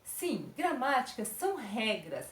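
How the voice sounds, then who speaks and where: Brazilian teacher lady talking to little kids, high voice, roomy echo. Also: very animated, slow. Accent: Brazilian Portuguese. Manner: speaks to children with diminutives and frequent check-ins. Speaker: primary school teacher. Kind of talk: recorded online lesson for young children.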